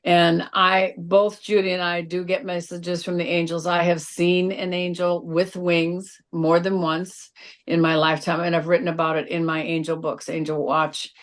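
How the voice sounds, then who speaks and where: A woman with a somewhat low voice tells of a deeply personal spiritual experience. She speaks earnestly, often pausing and restarting her sentences as she looks for the right words. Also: flat delivery. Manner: earnest, halting, with frequent restarts. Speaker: guest author.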